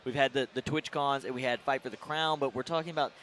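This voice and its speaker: A young man co-commentating a live esports event in a relaxed, joking way. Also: medium pitch, quick pace, slight background noise. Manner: laid-back, joking, trails off and restarts. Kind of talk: casual live commentary banter.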